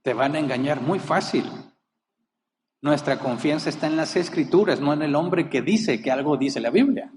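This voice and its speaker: A man's voice: on the high side, normal speed, a little mellow, big-room sound, slight background noise. A man preaching a sermon as a pastor, emphatic, rising and falling, asking rhetorical questions. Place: church.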